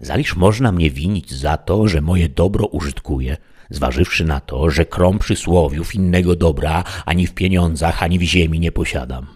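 A man voicing a rustic, boastful squire who strings proverbs together in a rising, husky voice. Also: deep voice, moderate pace, a little mellow. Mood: apologetic. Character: rustic middle-aged male squire, proverb-loving and boastful.

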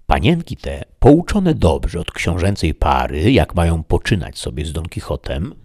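Deep-voiced male audiobook narrator. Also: sing-song, unhurried, darkish tone, breathy edge, no echo, clean studio sound. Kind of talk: scripted narration of a classic novel.

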